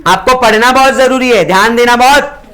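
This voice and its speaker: Brief: male tutor with a high voice, lecturing a class, playful and moralizing. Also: moderate pace. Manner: animated, joking, preachy. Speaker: tuition teacher. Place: classroom with students.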